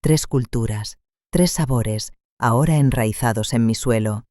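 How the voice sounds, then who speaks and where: A male narrator reads a first-person story in a calm, measured, reflective way, keeping a steady and unhurried storyteller's pace. His mid-range voice sounds mellow and dark. The recording is dry, with no room sound.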